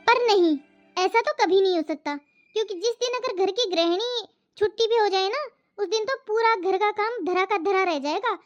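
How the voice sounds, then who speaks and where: A woman voicing an overworked housewife and mother in an animated family story, scolding and complaining about her chores. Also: very high voice. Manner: complaining, scolding, talks to herself. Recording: muffled lo-fi voice track.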